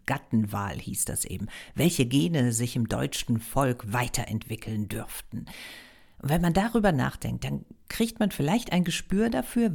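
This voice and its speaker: A woman's voice: extremely low pitch, vocal fry, a little mellow, slightly rough. A woman explaining history as a podcast host, with wry, ironic emphasis.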